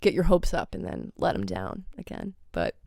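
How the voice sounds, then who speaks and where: A woman's voice: a bass voice, big pitch swings, normal speed, gravelly, mellow, no room sound, clean studio sound. A young woman hosting a casual solo podcast, rambling in a playful way and swearing freely. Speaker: podcast host.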